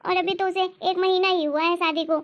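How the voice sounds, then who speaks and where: A woman voicing a kind, caring young elder sister-in-law in a cartoon story, speaking softly and pleading gently. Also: extremely high pitch, flat delivery, normal speed, muffled recording. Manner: soft-spoken, pleading, sympathetic.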